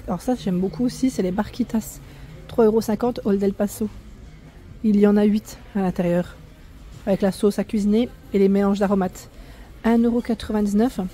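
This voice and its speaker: Filming a shopping vlog in a food discount store, a woman with a warm, mid-range voice chats while reading out prices and weights. She corrects herself along the way as she walks through the aisles.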